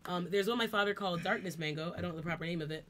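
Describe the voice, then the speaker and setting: A woman's voice: lowish voice, racing, fairly bright tone. A woman chatting casually on a live stream in an explanatory, teasing way, with some background noise. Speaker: streamer, co-host. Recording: background noise and room ambience.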